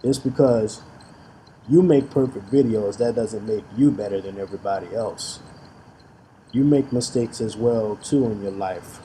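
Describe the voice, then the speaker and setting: A man with a very dark, mellow voice talks straight to his audience in a casual vlog. He stumbles and repeats words as he goes and turns defiant when he calls out his critics. A faint noise sits under his voice. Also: fairly low pitch, a little slow. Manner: stutters and restarts phrases; defiant, challenging tone toward critics. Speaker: YouTube vlogger and figure collector.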